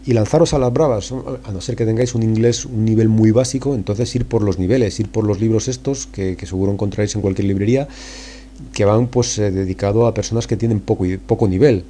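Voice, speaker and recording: A man's voice: lowish voice, fairly even intonation, fairly quick, warm tone, slight background noise. A man with a Spain Spanish accent hosting a podcast, talking casually and informally, coaxing listeners and repeating words for emphasis. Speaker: podcast host. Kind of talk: casual solo podcast talk.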